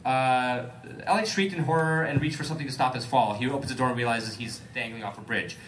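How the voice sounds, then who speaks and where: A man's voice: medium pitch, fast talker, a bit bright, slight background noise. A man reading a story aloud for comedy and breaking off to joke and ad-lib. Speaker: comedic reader.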